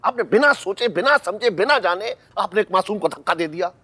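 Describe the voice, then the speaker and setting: A middle-aged man caught out and scrambling for excuses. His voice sits fairly high, and he stammers and protests in a fussy, defensive sitcom style. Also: expressive, a little fast, pushed and bright, breathy edge, full character voice. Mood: flustered. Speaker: sitcom actor. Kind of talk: TV sitcom acting.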